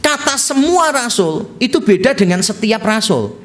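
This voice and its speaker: A middle-aged man from Indonesia, a pastor preaching a lively expository sermon and telling stories. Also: normal speed. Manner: lively storytelling with wide pitch swings, quoting others.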